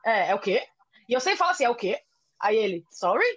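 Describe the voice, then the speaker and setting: A woman's voice: on the high side, quick pace, slightly rough. A Brazilian woman with a Brazilian Portuguese accent chats casually and tells stories, playing out the back-and-forth of conversations herself. The sound is dull and lo-fi, and the voice is close and dry, with no room echo. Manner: lively storyteller who acts out dialogues. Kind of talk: casual chat.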